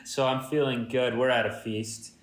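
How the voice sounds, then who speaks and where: A man's voice: mid-range voice, fairly even intonation, normal speed, reverberant. A man co-hosting a comedy podcast in casual improvised chat, with a jokey mock-regal manner. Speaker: podcast co-host.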